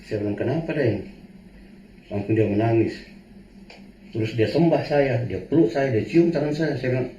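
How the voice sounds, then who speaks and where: Guy telling a story kinda halting, repeats himself, mic far off, room echo. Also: medium pitch, warm tone, muffled recording. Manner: halting, repeats phrases, clears throat. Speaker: storyteller guest recounting a true experience. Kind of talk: casual spoken storytelling. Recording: roomy, distant mic, faint background noise.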